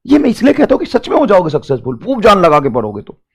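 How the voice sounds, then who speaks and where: A young male teacher talks to students preparing for exams, pushing them hard in an emphatic, repetitive way. His voice sits a little above the usual male pitch, and he rises into loud urging before dropping to quiet, confiding asides. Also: wildly swooping pitch, quick pace, breathy edge. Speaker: teacher giving a motivational talk. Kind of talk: motivational talk to exam students.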